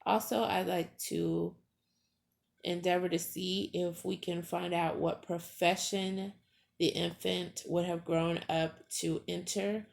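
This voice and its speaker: A woman hosting a paranormal session, talking to spirits with solemn questions in a halting, deliberate way on a noisy amateur recording. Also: lowish voice, level tone, gravelly. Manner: halting, deliberate, pausing between phrases.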